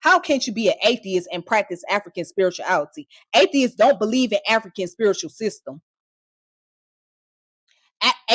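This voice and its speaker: Slightly rough and mid-range, this woman's voice comes through a dry recording as she rants on stream. She speaks directly to her viewers, confrontational, heated and profane, mocking them with scornful laughter.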